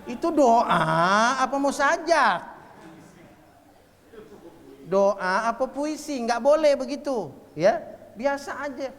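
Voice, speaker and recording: Man, preacher, high voice, jokey lecture style, long hall reverb. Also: slow pace, pauses often. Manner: lively, jokes with the audience, asks questions and answers them. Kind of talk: religious study lecture.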